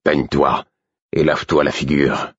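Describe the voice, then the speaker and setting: A man voicing a gruff, stern older stablemaster who gives curt orders. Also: extremely low pitch, level tone, normal speed, no echo, highs cut off.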